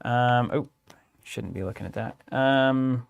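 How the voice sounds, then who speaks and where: A man's voice: medium pitch, slow, creaky, clean tone, no room sound, highs cut off. Young male co-host, playful mock-commentator delivery, mid-range voice, dry studio sound. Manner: playful, narrates plays like a sports commentator. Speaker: co-host of a card game live stream. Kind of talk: casual playthrough banter with mock commentary. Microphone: studio microphone.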